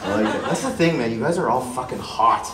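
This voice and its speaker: A man's voice: mid-range voice, expressive, fast talker. A young man from Canada doing laid-back, swearing stand-up crowd work in an underground club. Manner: swearing, laid-back and laughing between lines. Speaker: stand-up comedian. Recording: roomy club sound from a distance, loud crowd and noise. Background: laughing audience.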